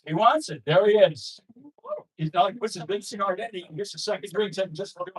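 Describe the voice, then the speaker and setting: A man from Rochester, New York, emceeing a member dinner as association president, joking loudly and rallying the room. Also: high voice, quick pace, slightly rough, low-quality recording. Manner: jokey, loud, rallying a room. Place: banquet hall at a dinner meeting.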